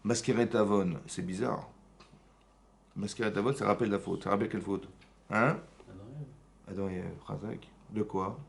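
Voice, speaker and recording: Lively French rabbi teaching a class. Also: male voice, lowish voice, normal speed, vocal fry, pauses often. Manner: lively, rhetorical, asks and answers his own questions. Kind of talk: Torah class. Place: synagogue.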